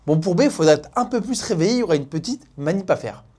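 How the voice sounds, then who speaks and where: A woman's voice: on the low side, expressive, quick pace, mellow, slightly rough. A woman with a Norman French accent teaching a math lesson, playful and speaking directly to the student.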